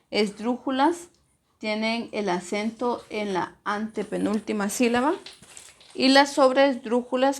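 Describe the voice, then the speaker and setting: A woman teaching a primary school grammar lesson, slowly and deliberately, stressing syllables as she models words. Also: on the high side.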